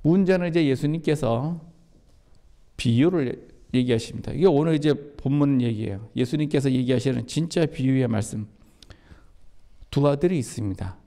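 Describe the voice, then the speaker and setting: A man's voice: mid-range voice, normal speed, mellow. A male pastor preaching a sermon in a conversational, emphatic way, often asking the congregation questions and answering them himself. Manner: asks and answers rhetorical questions.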